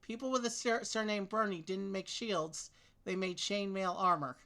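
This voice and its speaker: A woman's voice: mid-range voice, moderate pace. A woman reading game clue texts aloud and chatting casually with a co-player about solving a mystery. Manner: steady, clear reading of clue text.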